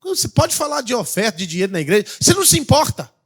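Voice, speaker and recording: A man with a Brazilian Portuguese accent, a pastor preaching a sermon, asking the congregation questions and swinging between loud calls and quiet passages. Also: very high voice, big pitch swings, racing, breathy edge.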